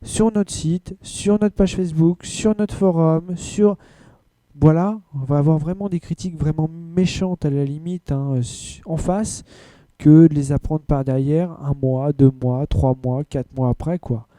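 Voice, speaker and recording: Slightly high and a little slow, the man's dark-toned voice carries no room sound as he runs down anime and manga news on his podcast. He's casual and blunt, rambling and leaning on filler words.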